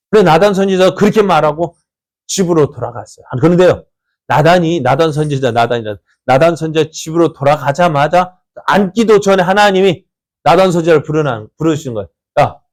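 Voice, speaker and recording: A man's voice: a little high, darkish tone. A male pastor preaching a conversational sermon, telling a story and constantly asking the congregation rhetorical questions.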